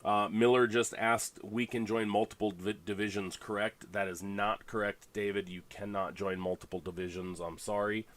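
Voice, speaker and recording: A man's voice: on the low side, level tone, moderate pace, hardly any pauses, a bit bright. Congested man hosting a casual livestream. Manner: rambling, full of fillers and restarts. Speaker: fantasy league host.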